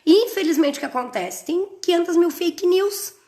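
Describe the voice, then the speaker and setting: A middle-aged woman, teaching a live online class and telling a story with lively emphasis. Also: very high-pitched, moderate pace. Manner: animated, acts out dialogue with strong emphasis. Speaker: course instructor on a livestream.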